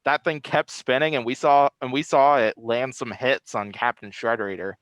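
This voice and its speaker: A man's voice: medium pitch, steady tone, normal speed, fairly bright tone, no echo. A man speaking through a face mask as he hosts a casual video recap, rambling a little and repeating phrases. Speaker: host.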